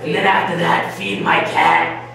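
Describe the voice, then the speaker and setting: A man's voice: fairly high pitch, big pitch swings, a little slow, over loud music, voice pushed down. A young man doing a cranky old granny. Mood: grumbling. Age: teens. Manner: grumbling, demanding. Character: cranky forgetful old grandmother. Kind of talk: stage improv. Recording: echoey stage from far off.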